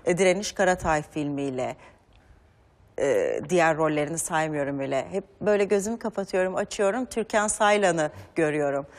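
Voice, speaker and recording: A woman's voice: low voice, a little fast, long reverb tail. A woman hosting a weekend talk show, chatting with theatre actors. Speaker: TV host. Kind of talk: casual TV talk.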